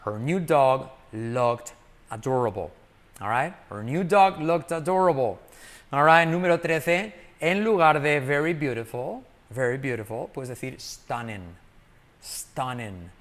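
A man teaching an English lesson, slowly repeating example phrases and drilling pronunciation. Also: medium pitch. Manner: lively, jumps between loud and soft. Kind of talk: English lesson taught in Spanish.

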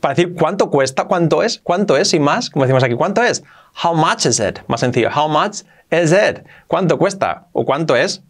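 Man teaching travel English. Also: slightly rough. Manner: repeats phrases slowly, lively pitch jumps. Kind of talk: video lesson.

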